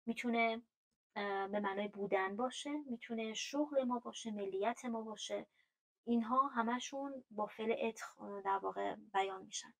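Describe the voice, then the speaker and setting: A Persian-speaking woman teaching a French grammar lesson, explaining patiently with frequent fillers and reading French verb forms aloud slowly. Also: on the high side, gravelly, a bit bright, poor audio.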